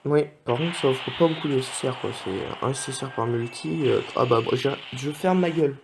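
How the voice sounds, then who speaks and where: A man giving live commentary on his game pulls in an excitable, joking way, often swearing and talking straight to his viewers. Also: medium pitch, brisk. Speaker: gaming video host. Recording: clear background noise.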